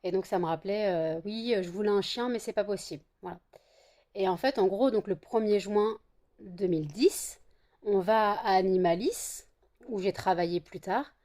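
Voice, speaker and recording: A woman's voice: mid-range voice, normal speed, darkish tone. A woman in her thirties from France, chatting casually in a home vlog, rambling with many fillers and restarts. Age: 30s. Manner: cooing baby talk to her pets. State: out of breath from the heat. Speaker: vlogger.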